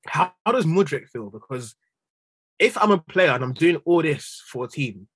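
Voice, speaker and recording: Young London male, urban slang, exasperated football banter, husky edge, slightly high-pitched, dry close sound. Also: big pitch swings, moderate pace, a bit bright, no room sound. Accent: London, urban street slang style. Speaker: football podcast panellist, Chelsea fan.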